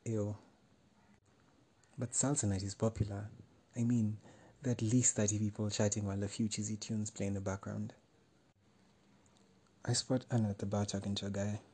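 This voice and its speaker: A man reading a first-person story aloud in a measured, wry way. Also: fairly low pitch, little pitch movement, dark tone, husky. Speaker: narrator.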